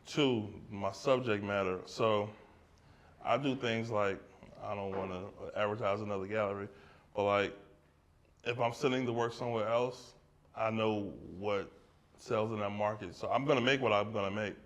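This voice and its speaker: In an art gallery, an artist discussing his exhibition answers audience questions casually in a somewhat low, steady voice at a moderate pace. He thinks aloud loosely, tossing in "right?" and "like."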